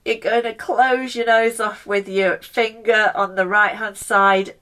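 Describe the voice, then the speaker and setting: A woman's voice: mid-range voice, steady tone, unhurried, fairly bright tone. A woman leads a casual guided breathing lesson, talking the listener through steps in a playful, encouraging way. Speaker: breathing exercise instructor.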